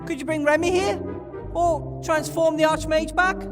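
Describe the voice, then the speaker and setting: A man's voice: very high-pitched, fairly even intonation, moderate pace. An actor playing a wry, impatient young male gnome hero in a video game. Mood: earnest. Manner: wry, sarcastic. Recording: game audio with reverb and music.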